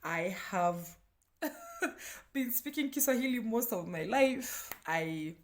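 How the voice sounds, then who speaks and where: A Kenyan book review vlogger, a native Kikuyu speaker, chats casually about books in a mid-range, animated voice at a slow pace, with a little hiss or hum audible. She's slangy and self-deprecating, often breaking into laughter.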